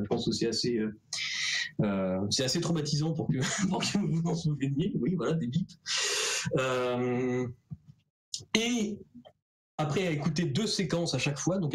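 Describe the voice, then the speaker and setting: A man walks his audience through his research experiment in an easygoing, conversational way. His voice sits at an ordinary middle pitch. He talks with lots of fillers and restarts, and slips in self-mocking asides. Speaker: PhD researcher presenting his thesis. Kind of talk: casual explanatory talk.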